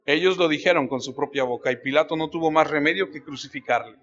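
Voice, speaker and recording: A man preaching an expository Bible study sermon, reading scripture aloud and speaking straight to his listeners, dropping low for emphasis. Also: fast, a bit bright, big-room sound, highs cut off, a little hiss or hum. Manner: reads scripture aloud, then addresses listeners directly. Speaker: pastor. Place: church.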